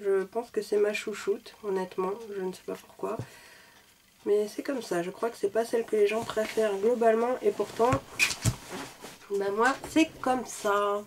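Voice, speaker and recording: A woman's voice: medium pitch, fairly even intonation, normal speed, a little mellow, slight background noise. A woman reviewing makeup in a chatty, self-deprecating way, a little sick and coughing now and then. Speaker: beauty vlogger.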